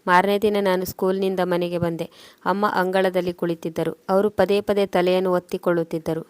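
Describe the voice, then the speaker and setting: Woman reading a story in a flat voice. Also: on the low side, brisk, dry recording. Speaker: story narrator. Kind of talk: scripted storytelling narration.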